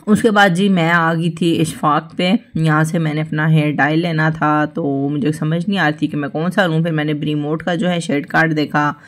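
A young woman, chatting through her shopping trip and listing prices in a friendly, easy way. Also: low voice. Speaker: shopping vlogger. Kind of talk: casual voice-over narration of a shopping trip.

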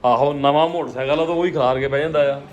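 On a family vlog, a man with a Punjabi accent chats casually and teasingly at home, often repeating himself. He talks fast in a fairly high voice with fairly even intonation. He holds the phone himself, and the handheld recording is noisy and dull.

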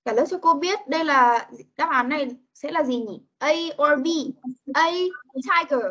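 A woman teaching English to young children in an online class, coaxing them and modeling words slowly for them to repeat. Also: high-pitched, a bit bright. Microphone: video call. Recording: dull lo-fi video call audio.

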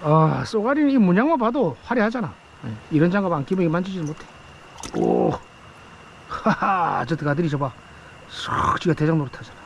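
Speaking at normal speed in a gravelly voice that sits high, this lively fishing vlogger chats and exclaims to himself as he eats and fishes. The casual narration comes from a rocky riverbank, night and day, via a head-mounted action camera with slight background noise.

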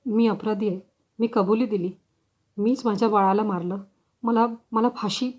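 A woman voicing a frightened, guilt-stricken young mother confessing in halting words, on a slightly dull recording. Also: medium pitch, fairly even intonation, a little mellow, natural voice.

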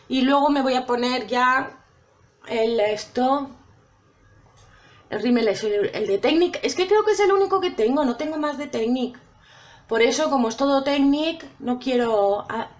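Woman, slightly high voice, chatty makeup vlog, talks straight to viewers. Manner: chatty, addresses viewers directly. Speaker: makeup vlogger. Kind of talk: casual makeup tutorial.

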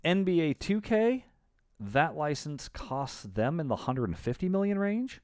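This middle-aged podcast co-host has a fairly high, sing-song voice with a darkish tone and a measured pace. He speculates casually, thinking out loud. Recorded close on a boom-arm podcast mic in a small home room indoors, the audio has no room sound.

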